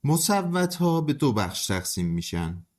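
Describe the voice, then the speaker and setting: A man giving a spoken language lesson, slowly drawing out single sounds and words as examples. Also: medium pitch, sing-song, darkish tone. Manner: slow, drawn-out pronunciation of single sounds and words. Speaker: language teacher.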